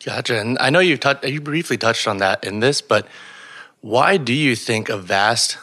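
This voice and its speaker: A man's voice: medium pitch, lively intonation, moderate pace, pushed and bright. A man hosting a podcast, asking earnest, admiring questions with plenty of "kind of". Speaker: podcast host.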